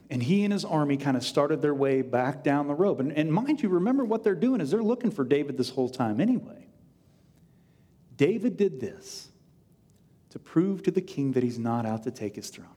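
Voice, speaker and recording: A man preaching a sermon, telling the story with humor and lively storytelling, at times dropping to a hush. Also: on the high side, moderate pace, husky, big-room sound. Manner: animated, humorous storytelling with sudden hushed drops. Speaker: pastor.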